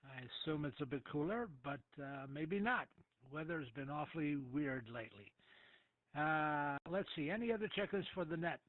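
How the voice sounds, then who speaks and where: A man running an amateur radio net in a relaxed, hesitant way with many filler pauses, heard through a narrow two-way radio transmission. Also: on the high side, no room sound. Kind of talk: casual on-air radio net chat. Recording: tinny, dry ham radio audio.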